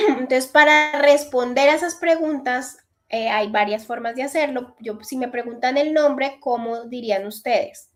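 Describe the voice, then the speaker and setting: Unhurried and high-pitched, this woman in her thirties runs an English lesson on a video call using her computer mic. She breaks everything into steps, asking "listo" again and again to make sure the class is keeping up.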